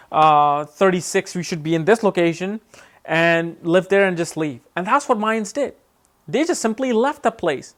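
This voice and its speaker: A man's voice: fairly high pitch, a bit bright, clear, resonant tone. A man talking casually to his viewers in a rambling, tipsy way, saying he is losing his voice. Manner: rambling, says he is a bit drunk. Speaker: astrology vlogger. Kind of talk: casual talk to camera.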